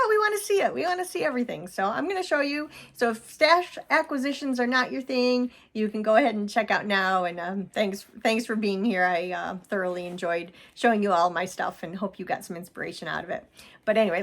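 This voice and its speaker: A woman's voice: mid-range voice, a bit bright. A woman hosting a knitting vlog, chatting casually about her shawls with frequent laughs and fillers. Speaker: knitting podcast host. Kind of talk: casual chat showing knitted projects. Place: home.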